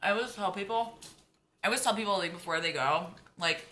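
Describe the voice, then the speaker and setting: Bright-voiced laid-back young woman. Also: mid-range voice, fairly quick, a little hiss or hum. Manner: laid-back, giggly, swears casually. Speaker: guest. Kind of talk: casual chat.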